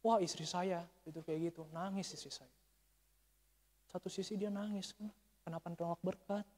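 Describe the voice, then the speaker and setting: A male pastor preaching a sermon, telling a story with lively swings and calling to the congregation as he goes. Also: high voice, moderate pace, slight background noise. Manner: animated storytelling, addresses congregation as Pak and Bu. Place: church sanctuary. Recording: church hall reverb.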